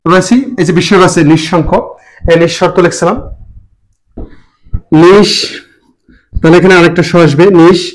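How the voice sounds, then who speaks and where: High-voiced man slowly teaching pronunciation. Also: steady tone, rough recording. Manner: slow, deliberate, spells out syllables. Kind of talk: classroom lesson.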